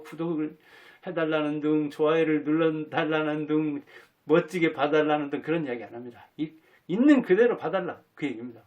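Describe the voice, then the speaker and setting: A man's voice: a little high, darkish tone. A man in his fifties or sixties from North Jeolla, hosting his own channel and talking through his thoughts in an earnest, folksy way. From Jinan, North Jeolla, Korea. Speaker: YouTube channel host. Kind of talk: solo reflective monologue.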